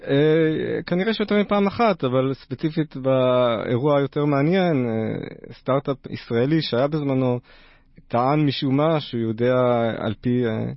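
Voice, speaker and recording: Halting man with a gravelly, creaky voice. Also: mid-range voice, dry recording, lo-fi sound. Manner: halting, searching for words. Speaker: interview guest, university teacher and activist artist. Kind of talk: conversational storytelling in an interview.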